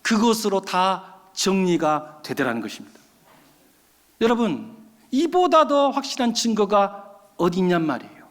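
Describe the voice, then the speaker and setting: A male pastor delivering a sermon, telling a story in an animated way and addressing the congregation. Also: sits high, moderate pace. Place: church sanctuary. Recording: long reverb of a church hall.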